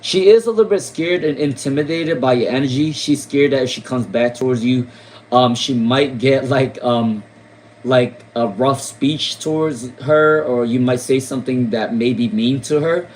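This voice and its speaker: A man's voice: mid-range voice, moderate pace, darkish tone, slight background noise, low-quality recording. A man from Rhode Island giving casual tarot readings on a live stream, repeating names and questions with many fillers. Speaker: tarot reader.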